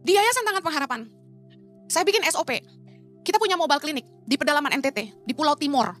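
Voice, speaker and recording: A middle-aged woman pastor preaches, her voice very high and ringing bright. She is blunt and emphatic and mixes English phrases into her sermon. Faint music plays behind her. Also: expressive, fast talker.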